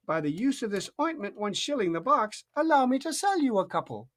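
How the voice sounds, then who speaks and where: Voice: mid-range voice, very animated, voice pushed up, lightly acted. A parent reading aloud, voicing a polite, anxious young girl in a raised voice that stumbles over words. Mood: reciting. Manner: raised, hurried, slightly stammering.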